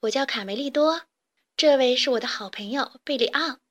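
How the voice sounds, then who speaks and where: A woman's voice: sits high, normal speed, a bit bright. A woman voicing a curious, brave little boy chick in a children's story, asking wide-eyed questions. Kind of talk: storybook character voice.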